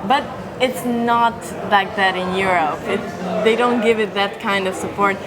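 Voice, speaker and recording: A young woman from Albania, a pageant contestant, talking fast and earnestly in a casual interview. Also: mid-range voice. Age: young adult. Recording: noisy crowd around. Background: crowd chatter.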